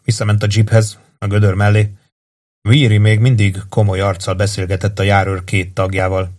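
A man reads an audiobook in a measured, even manner. His voice sits low, and the narration moves steadily. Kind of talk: audiobook reading.

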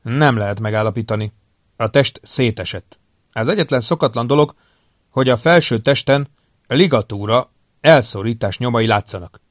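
A man's voice: medium pitch, dry recording, close to an everyday voice. A man voicing a blunt male medical examiner in an audiobook, dry and matter-of-fact. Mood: explaining. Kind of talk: audiobook character voice.

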